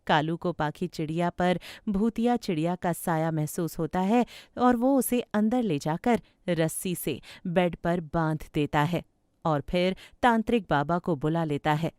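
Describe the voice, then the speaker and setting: Slow, expressive woman storyteller. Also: on the low side, dry recording, studio quality. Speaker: narrator. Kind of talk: scripted cartoon narration.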